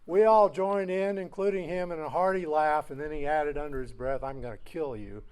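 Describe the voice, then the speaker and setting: A man giving a personal memorial speech, telling an anecdote and slowing down for emphasis. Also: a little high, darkish tone, clear, resonant tone. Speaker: alumnus speaker.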